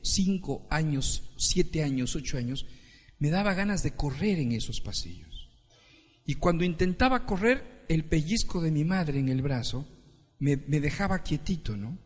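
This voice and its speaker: A pastor from Ecuador preaching an animated sermon and calling on the congregation to repeat phrases after him. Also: male voice, on the high side. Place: church hall with congregation. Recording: reverberant church hall.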